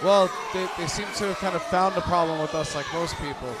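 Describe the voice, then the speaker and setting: Male wrestler bantering over a very loud crowd. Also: high voice, a little fast, very noisy. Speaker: wrestler guesting at the broadcast table. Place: broadcast table at a wrestling event. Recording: very loud crowd and music behind.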